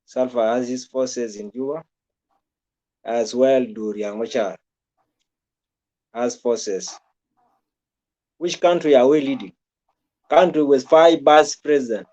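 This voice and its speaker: A man's voice: mid-range voice, unhurried, pauses often, dark tone, muffled recording. A man from South Sudan giving rambling, repetitive political commentary in a casual talk, with frequent restarts.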